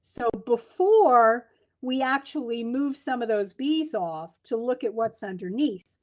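Middle-aged lady teaching over webcam from her living room, kinda high voice, rambly with ums. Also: expressive. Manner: chatty, many ums and restarts, quick asides. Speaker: beekeeping speaker. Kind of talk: informal slide lecture. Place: home room, indoors. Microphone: webcam on a video call.

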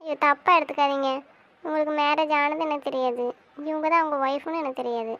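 A young woman acting a naive, earnest girl who pleads softly about a crush in an amateur drama. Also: high-pitched, steady tone, fast talker, muffled recording. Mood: apologetic.

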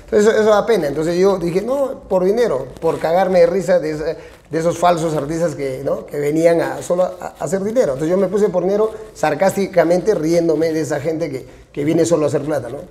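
A man's voice: a little high, fairly quick, dark tone. A man in his forties with a Peruvian accent, a band vocalist and songwriter talking frankly and animatedly in an interview, often ending with tag questions. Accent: Peruvian Spanish. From Peru. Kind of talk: casual interview talk. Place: small restaurant with brick walls.

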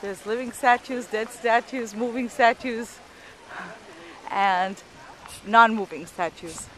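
A woman's voice: fairly high pitch, slow, a bit bright. A woman giving casual, unscripted travel narration with some hesitation, speaking from behind a handheld camera outdoors. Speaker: travel vlogger. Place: outdoors in a busy city piazza. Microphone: handheld camera, operator behind it. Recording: faint outdoor street noise.

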